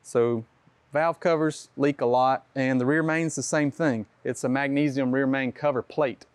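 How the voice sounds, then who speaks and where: A man with an average-pitched voice explains engine faults in a plain, practical way. He talks like a mechanic walking an audience through hands-on repair work. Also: fairly even intonation, moderate pace, clear, resonant tone, no room sound. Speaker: mechanic presenting a tech session. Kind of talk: casual technical explanation.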